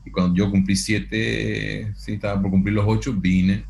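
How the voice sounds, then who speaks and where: Deep-voiced guy in his 40s, earnest and measured testimony on a video call, faint hum behind. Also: level tone, vocal fry, a little mellow. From Paraguay. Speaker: guest, actor and pastor. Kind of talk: testimony in an interview.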